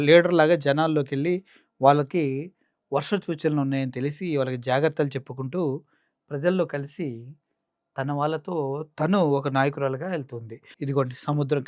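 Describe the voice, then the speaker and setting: A man's voice: a little high, no room sound, studio quality. A man with a Coastal Andhra Telugu accent giving mocking, sarcastic political commentary. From Andhra Pradesh.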